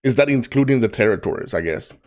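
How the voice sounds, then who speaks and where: A man's voice: mid-range voice, lively intonation, darkish tone. Swedish guy reacting, casual and blunt. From Sweden. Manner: eager, blunt, drawn-out pauses. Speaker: reaction video host.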